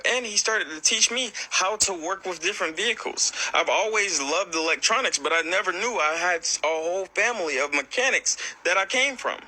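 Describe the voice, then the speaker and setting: A man in his late twenties telling a personal story in the first person, emotional and expressive, stammering when upset. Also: high-pitched, poor audio. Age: late 20s.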